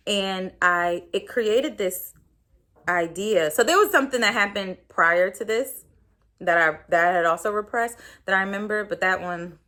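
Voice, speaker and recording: A woman's voice: medium pitch, normal speed, bright, forceful tone. A woman in her thirties, a podcast host, telling a personal story in a candid, reflective way, with many fillers.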